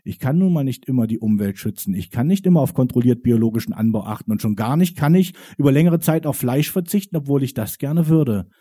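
A man's voice: mid-range voice, animated, quick pace, few pauses, mellow, breathy edge. Wry man reciting spoken-word poetry. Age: 40s. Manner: rhythmic, wry, confessional delivery.

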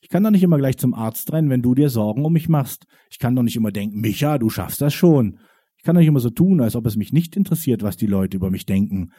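A man's voice: medium pitch, expressive, fast talker, few pauses, dark tone, breathy edge. A man in his forties performing spoken-word poetry with a rhythmic, wry, confessional delivery. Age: 40s.

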